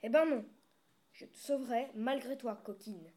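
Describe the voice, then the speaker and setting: A fretful old farmer from a storybook, pleading and scolding his goat in exasperation, as a woman reads him. The voice is soft and mellow, a touch above the usual pitch. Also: normal speed, lightly acted. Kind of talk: storybook reading.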